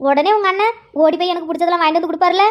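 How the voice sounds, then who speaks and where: This is a sly, chattering sister-in-law from a home-made cartoon, put on by a performer. The voice is pushed very high and squeaky and runs along at a quick clip. She teases and gossips like a schemer who has her husband figured out. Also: steady tone, highs cut off. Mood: gossipy. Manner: chatty, teasing, fast gossip. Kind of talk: Tamil cartoon voice acting.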